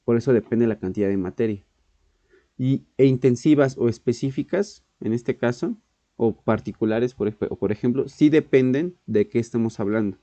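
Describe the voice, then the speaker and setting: A man teaching a physics class, often clearing his throat, correcting himself and checking in with "ok". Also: mid-range voice, moderate pace, dark tone, dry recording. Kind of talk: online exam-prep physics lesson.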